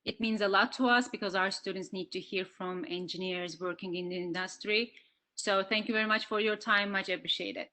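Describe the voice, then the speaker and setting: A woman's voice: mid-range voice, fairly even intonation, a little fast, sharp tone. A woman engineering program director giving welcome remarks on a video call, with some hesitations.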